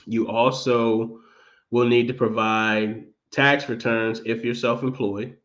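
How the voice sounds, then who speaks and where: A man's voice: mid-range voice, level tone, takes it slowly, a bit bright, highs cut off. A man who works as a mortgage lender, talking on a live stream. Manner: conversational, explanatory, with frequent fillers.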